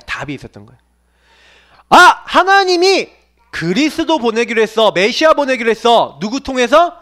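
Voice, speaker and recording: A man's voice: very high voice, a bit bright. A man preaching a sermon to young people, asking the listeners question after question and acting out quoted lines. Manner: asks the audience many questions, acts out quoted voices. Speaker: pastor preaching to youth.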